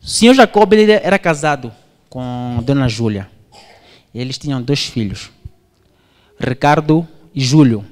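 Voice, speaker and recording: A man's voice: measured pace, long pauses. A man from Angola preaching a sermon, telling a story with his voice swinging up and down. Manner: animated storytelling, voice swings high and low. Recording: long hall reverb.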